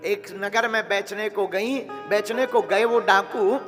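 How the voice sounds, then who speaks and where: A man telling a devotional story as a sermon, slow and dramatic, with florid devotional phrasing. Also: high-pitched. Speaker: religious storyteller. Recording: reverberant hall with faint instrumental music.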